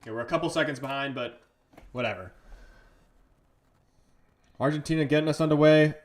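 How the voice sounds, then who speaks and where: A man from England, speaking with an English accent, hosts a casual live stream where he chats over a football match and reads out what viewers comment. He talks a little fast at a fairly high pitch.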